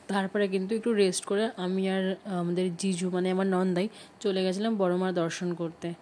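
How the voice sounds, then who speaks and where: A woman's voice: medium pitch, mellow, slight background noise. Chatty woman narrating her vlog. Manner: chatty, explains family names and relations. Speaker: vlogger.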